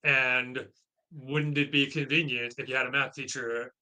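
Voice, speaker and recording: A man's voice: mid-range voice, flat delivery, measured pace, bright, forceful tone, rough recording. A man from central Pennsylvania, a guest on a podcast, chatting in a friendly, explanatory way. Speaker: guest, math content creator. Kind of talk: casual interview chat.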